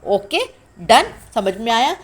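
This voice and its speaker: A woman teaching an English grammar lesson to beginners, sounding out letters slowly and asking the class questions. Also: fairly high pitch, sing-song, slightly rough. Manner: slow, drawn-out sounding of letters.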